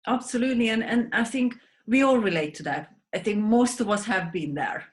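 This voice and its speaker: Speaking fairly quickly in a voice on the high side, a Hungarian-accented woman in her thirties from Hungary joins a video-call interview as a guest. She's a sleep advocate who talks earnestly, often restarting her sentences.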